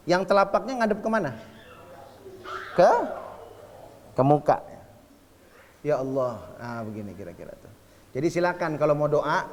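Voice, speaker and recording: Man, preacher, high voice, jokey lecture style, long hall reverb. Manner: lively, jokes with the audience, asks questions and answers them. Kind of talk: religious study lecture.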